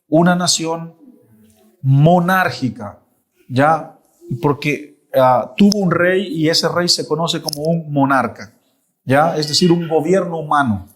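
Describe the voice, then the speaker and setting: A man teaches the Bible in a sermon style, emphatic and repetitive, frequently checking in with his listeners. His voice sits a little high for a man.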